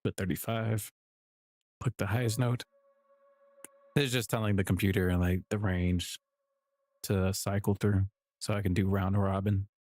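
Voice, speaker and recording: This man's voice is low and a little mellow, with fairly even intonation, a measured pace and long pauses, recorded dry. He's a music producer on stream, chatting casually to himself as he builds samples, wandering off and correcting himself with quiet chuckles.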